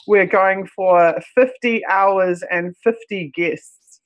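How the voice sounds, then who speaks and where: Host for a supporters' livestream: froggy, croaky voice at middling pitch, earnest delivery with halting phrasing. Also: steady tone, highs cut off.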